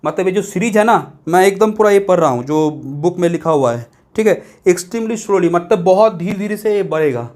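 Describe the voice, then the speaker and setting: A man with a notably high voice gives a math lecture to students. He explains step by step and keeps checking whether they are following along. When he reads English passages from a textbook, he slows right down and reads them word by word. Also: expressive, a little mellow. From India. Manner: explains step by step, checks understanding with repeated questions; reads English text from a book very slowly and word by word. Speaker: math teacher. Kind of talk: classroom lecture.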